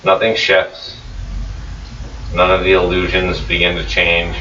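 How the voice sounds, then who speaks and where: Low slow man running a dungeon. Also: completely flat delivery, sharp tone, recorded from a distance. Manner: slow, low, grim narration with swearing. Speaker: dungeon master. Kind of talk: narrating a tabletop game among friends. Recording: roomy, muffled, noisy recording from off mic.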